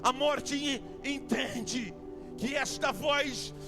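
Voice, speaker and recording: A man preaching a fiery sermon as a bishop in a church, with a Brazilian accent, shouting in repetitive refrains and then dropping to a hush. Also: very high voice, steady tone, drawn-out words. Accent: Brazilian Portuguese. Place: church sanctuary. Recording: music playing behind the voice.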